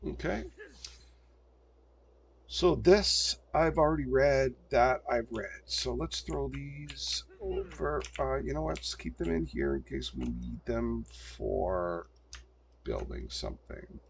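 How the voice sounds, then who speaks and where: Gravelly older man muttering through gameplay. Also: mid-range voice, sing-song, takes it slowly, a little hiss or hum. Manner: muttering to himself while playing. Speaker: gameplay streamer. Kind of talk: casual gameplay commentary.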